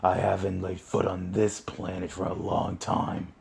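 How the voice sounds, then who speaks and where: Man voicing a boastful turtle monster king, deep, gravelly, slow. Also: completely flat delivery, darkish tone, full character voice. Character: big brutish fire-breathing turtle king, boastful.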